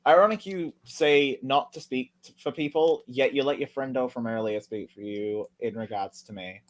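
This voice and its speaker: A man talking through an online argument in casual commentary, sarcastic and easily heated, cursing freely. His voice sits at an ordinary middle pitch. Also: moderate pace. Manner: sarcastic, heated, swears a lot. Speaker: commentary video host. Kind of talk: casual commentary reading tweets.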